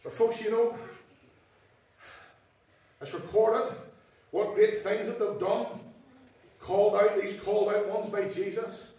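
A Northern Irish man, a pastor preaching an impassioned sermon that swings from soft asides to shouted exclamations. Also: high-pitched, steady tone, takes it slowly, pauses often. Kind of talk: fiery Pentecostal sermon. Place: church hall. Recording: very echoey hall from far off.

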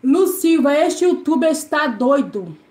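In a high-pitched, expressive voice that is a little slow and a little mellow, a woman from Brazil chats with her live-stream audience from her home's service area. She reads comments and greets people by name as she cleans, in an echoey room with faint noise.

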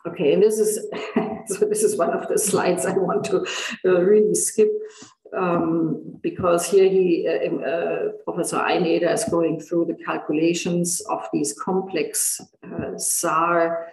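A man lecturing on radar imaging in a halting, informal way, full of fillers and restarts, his voice tired. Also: sits high, level tone, gravelly, a little mellow, echoey room, poor audio. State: tired voice, throat clearing. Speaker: university lecturer.

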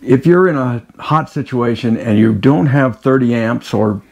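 A man's voice: mid-range voice, unhurried, creaky, a little mellow, lo-fi sound. A man in his sixties co-hosting an RV vlog, explaining technical details step by step from inside an RV kitchen on a lapel mic. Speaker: RV vlogger co-host. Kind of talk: casual explainer chat.

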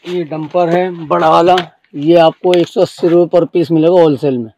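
A man's voice: fairly high pitch, fairly even intonation, moderate pace, gravelly, mellow, a little hiss or hum. A man who runs a toy shop, listing wholesale prices item by item in a matter-of-fact way. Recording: dull, lo-fi sound.

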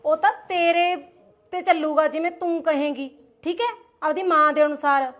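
ਇੱਕ ਔਰਤ ਨਾਰਾਜ਼ ਨਨਾਣ ਦਾ ਕਿਰਦਾਰ ਨਿਭਾ ਰਹੀ ਹੈ, ਪੰਜਾਬੀ ਲਹਿਜੇ ਵਿੱਚ ਤਨਜ਼ ਭਰੇ ਸਵਾਲਾਂ ਨਾਲ।. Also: female voice, high voice, steady tone, moderate pace, fairly bright tone. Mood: complaining. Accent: Punjabi. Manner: sarcastic, aggrieved, tag-questions. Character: resentful sister-in-law, grown woman, touchy. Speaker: husband's sister. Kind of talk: homemade family skit.

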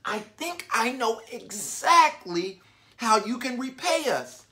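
A brave young boy hero from a children's space adventure, as a male reader puts him on, polite and earnest, with a voice that rises and falls in a lively way. He talks slowly and carefully. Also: very high voice, full character voice. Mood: curious.

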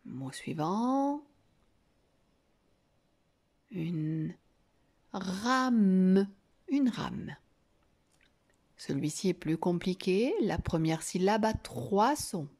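A woman teacher giving a reading lesson to young children, slowly sounding out syllables and words. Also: on the low side, animated, mellow. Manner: slow, drawn-out sounding of syllables.

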